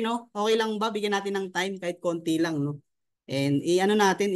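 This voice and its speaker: A man hosting a motivational online meeting as a coach, upbeat and preachy, with constant tag questions. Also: high voice. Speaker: host and coach.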